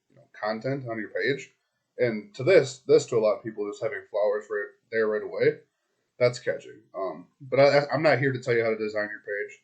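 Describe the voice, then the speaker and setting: A hoarse web marketing consultant walks his client through a screen recording, talking to them directly in a loose, chatty way. His fairly low, slightly mellow voice thinks aloud with lots of ums and restarts, and the recording quality is low.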